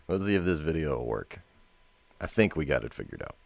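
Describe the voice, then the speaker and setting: A man's voice: low-pitched, vocal fry. A man hosting a podcast, asking teasing questions and laughing often in casual chat. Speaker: podcast host.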